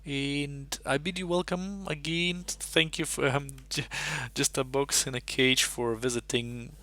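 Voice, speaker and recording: A man's voice: mid-range voice, fairly even intonation, a little slow, sharp tone. A man from Russia chatting casually on a live stream, rambling and thinking aloud as he solves chess puzzles at his desk mic.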